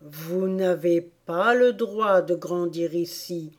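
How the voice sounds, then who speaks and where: A woman voicing a sulky male dormouse in a storybook, speaking slowly and disapprovingly. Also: on the low side. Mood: grumbling. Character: grumpy sleepy male dormouse.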